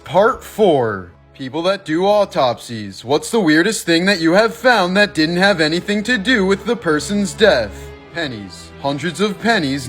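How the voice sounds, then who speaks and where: A man reading creepy facts and stories in a measured, scripted narration. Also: on the high side, a bit bright, slightly rough.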